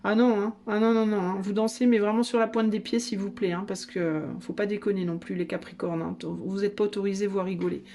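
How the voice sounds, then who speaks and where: A woman's voice: mid-range voice, steady tone, a little fast, few pauses, dark tone. A woman giving a casual tarot reading in a playful, chatty way, teasing her listeners and laughing often. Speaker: tarot card reader.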